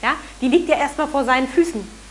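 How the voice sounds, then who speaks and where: A woman preaching a sermon in an earnest, animated way, sometimes acting out the voices she quotes. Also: sits high, brisk, faint music behind, rough recording.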